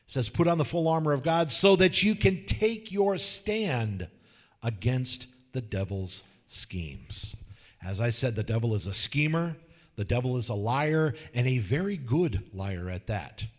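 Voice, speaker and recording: A man preaching a sermon in a folksy, joking way, telling animated stories. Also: mid-range voice, measured pace, big-room sound. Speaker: pastor.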